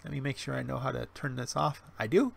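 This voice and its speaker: Fast and mid-range with vocal fry and a breathy edge, this 40-something livestream host reads chat over a webcam stream mic. His casual speech rambles through restarts and fillers, with wry jokes aimed at himself.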